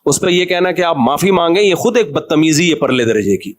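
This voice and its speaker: A man delivers a light, humorous religious talk. He chats and jokes with his listeners rather than preaching at them. His voice sits fairly high for a man. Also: animated. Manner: chatty and joking, addresses listeners directly. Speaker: Islamic cleric giving a talk. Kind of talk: humorous conversational sermon.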